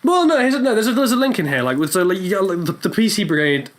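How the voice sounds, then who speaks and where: A man's voice: high voice, fast. A man with a posh British RP accent, chatting as a podcast co-host in a sarcastic, cynical way. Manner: sarcastic, cynical and animated, with many fillers. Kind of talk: casual chat. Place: small room in student housing.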